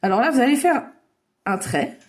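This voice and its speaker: A high-pitched woman runs a children's drawing lesson over a video call. She mixes step-by-step instructions with playful make-believe, praising each child warmly as she goes. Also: moderate pace. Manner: lively, encouraging, make-believe narration. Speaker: children's drawing workshop leader.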